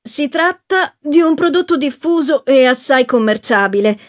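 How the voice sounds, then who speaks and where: A woman's voice: high-pitched, lively intonation, normal speed, voice pushed up. A woman reading the part of a shrewd, self-assured male acting teacher in a knowing tone. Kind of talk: audiobook reading.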